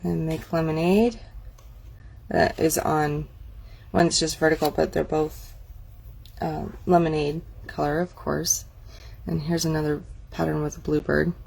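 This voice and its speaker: A woman's voice: deep voice, little pitch movement, unhurried, gravelly, pauses often, darkish tone, slightly rough. A woman casually walking viewers through a craft catalog, chatty and admiring, thinking aloud as she goes. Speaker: craft demonstrator. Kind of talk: casual product walk-through.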